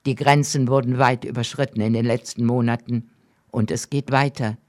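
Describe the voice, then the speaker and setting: A man delivering a prepared commentary at an even, mid-pitched level. His reading is measured and deliberate, and he slows down on the phrases he wants to land. He sounds like an opinion piece read out on air. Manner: measured, deliberate reading with slowed emphatic stretches.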